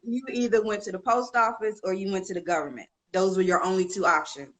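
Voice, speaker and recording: A middle-aged woman of the D.C. chats as a guest. Her voice sits at a medium pitch. She tells stories in a candid, salty, wry way. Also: steady tone, quick pace. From Washington, D.C., United States. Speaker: podcast guest. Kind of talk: casual humorous storytelling.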